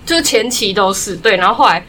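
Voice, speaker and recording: A young woman from Taiwan chatting casually, telling stories in quick run-on clauses. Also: medium pitch, expressive, sharp tone. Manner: rapid storytelling, strings clauses with "然后". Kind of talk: casual chat.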